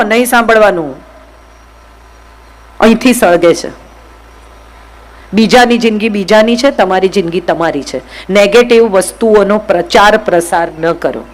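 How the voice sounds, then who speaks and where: A woman from Gujarat, India gives a motivational speech, addressing the audience directly and firing questions at them. Her voice is a little high, and the audio is poor.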